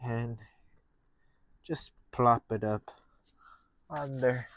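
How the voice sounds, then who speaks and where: A man hosting a painting lesson, talking through each step casually in a gentle, encouraging manner. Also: medium pitch, steady tone, extremely slow, no room sound. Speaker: painting instructor and show host.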